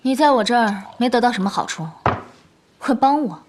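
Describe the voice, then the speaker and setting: A woman's voice: a little high, lively intonation, fairly quick, slight background noise, lightly acted. An actress playing a guarded, proud young woman who speaks bluntly and warily in a period TV drama. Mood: wary. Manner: blunt and wary. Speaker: granddaughter.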